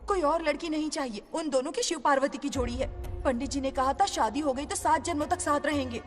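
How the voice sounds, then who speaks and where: Lady doing an old granny ghost, pushy and sweet, high voice. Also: a little fast, long reverb tail, soft background music, close to an everyday voice. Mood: coaxing. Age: older. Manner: coaxing, persistent. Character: devoted old grandmother ghost, pleading. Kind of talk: Hindi film dub.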